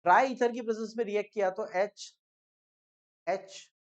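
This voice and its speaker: A woman with an Indian accent teaching a chemistry lesson, switching between Hindi and English, explaining step by step, repeating key phrases and checking in with "okay?" and "clear?". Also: mid-range voice, fairly even intonation, rapid-fire, highs cut off. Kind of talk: classroom lecture mixing Hindi and English.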